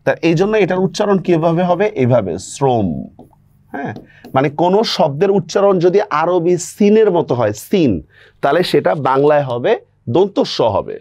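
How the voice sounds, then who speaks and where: A man's voice: fairly high pitch, animated, brisk, a little mellow, no echo, highs cut off. A man teaching a grammar lesson on pronunciation, explaining step by step and often checking that students follow.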